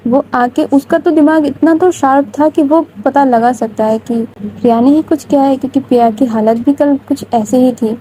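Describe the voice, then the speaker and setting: A woman's voice: sits high, dark tone, a little hiss or hum, low-quality recording. A woman casually retelling a love story in a chatty, informal way. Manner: chatty, informal, frequent English fillers.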